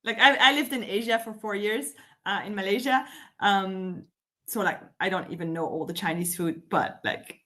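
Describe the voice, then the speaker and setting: Co-hosting a live stream for a summit, a woman from Belgium speaks with a Belgian French accent in a medium-pitched, fairly bright voice at normal speed. She's chatty and laughs a lot, leaning on fillers like "um" and "like".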